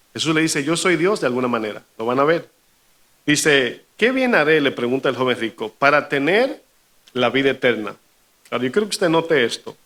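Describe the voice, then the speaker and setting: A man's voice: on the high side, fairly bright tone. A male pastor preaching a sermon, asking the congregation questions and acting out quoted lines.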